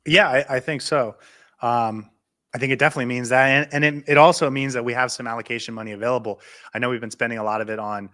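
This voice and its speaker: A man co-hosting a casual podcast, talking excitedly and quickly until he runs short of breath. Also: medium pitch. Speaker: podcast co-host. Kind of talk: casual chat.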